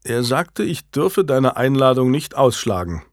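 A man's voice: mid-range voice, very animated, a little slow, dry recording, studio quality. A man voicing a stubborn, sullen young nobleman with curt replies in an audiobook.

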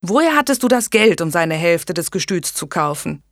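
A woman reading an audiobook, voicing a stern, angry medieval lord with a gruff, commanding manner. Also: lowish voice, sing-song, moderate pace, no echo, studio quality.

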